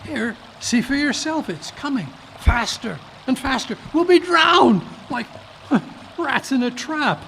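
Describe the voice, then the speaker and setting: A performer playing Dr. Watson, a flustered, blustering gentleman sidekick, stammering and exclaiming in old-time radio drama style. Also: sits high, animated, takes it slowly, creaky, heavily acted. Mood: alarmed. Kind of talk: old-time radio drama acting, live stage reading. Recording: live conference recording, background water noise.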